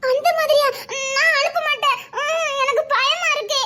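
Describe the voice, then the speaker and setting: An actress plays a frightened, lonely young woman in a Tamil web drama, her voice pitched very high. She pleads and falters with a teary edge, speaking in a Tirunelveli accent. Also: a little fast, fairly bright tone, a little hiss or hum. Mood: tearful.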